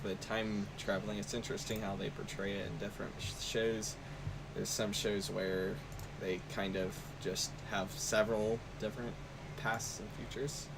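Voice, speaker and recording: A man's voice: fairly low pitch, gravelly. A young man co-hosting a casual podcast, rambling with lots of fillers and hesitations. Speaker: podcast co-host. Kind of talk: casual chat. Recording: noisy home recording.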